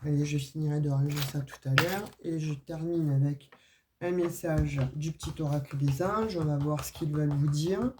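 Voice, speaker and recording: Against a noisy background, a low-pitched woman speaks at a moderate pace. Her French accent is regional, not from Paris, and her relaxed tarot and oracle card reading is chatty, aimed at her viewers, and full of "euh" and "hein."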